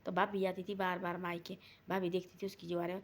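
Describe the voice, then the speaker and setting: Woman storyteller, low and flat voice, rambling folk tale, faint hiss behind. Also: brisk. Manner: rambling, repetitive retelling with quoted dialogue. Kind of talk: casual folk story narration.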